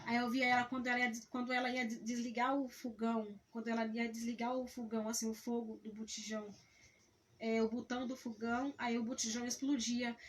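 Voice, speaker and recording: A woman's voice: fairly high pitch, a little hiss or hum. Earnest woman recounting a vision. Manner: halting, repeats and restarts words, earnest. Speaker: missionary. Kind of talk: testimony of a vision.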